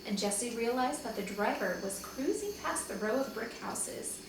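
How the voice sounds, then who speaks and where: At a normal speed and a fairly high pitch, a second-grade teacher reads a chapter book aloud to her pupils. Her reading is expressive, with acted dialogue and little asides, captured by a distant mic in an echoey room with audible background noise.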